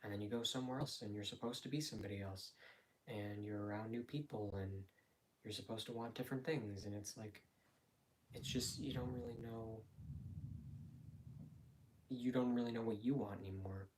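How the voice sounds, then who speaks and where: A man talking casually and quietly on a late-night livestream from home, in a hesitant, rambling, reflective way. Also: on the low side, fairly even intonation, moderate pace, long pauses, a little hiss or hum, low-quality recording. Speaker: live streamer. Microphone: phone.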